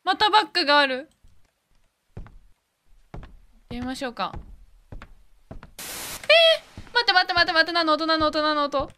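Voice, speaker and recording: While playing a game for her video, a woman offers casual commentary, gets spooked easily and often exclaims in surprise or repeats words. Her high, bright voice has a forceful tone, moving at normal speed with long pauses.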